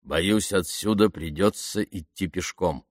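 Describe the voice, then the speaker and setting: A man's voice: low-pitched, a little slow, no room sound, clean studio sound. A man reading as a firm aristocratic commando.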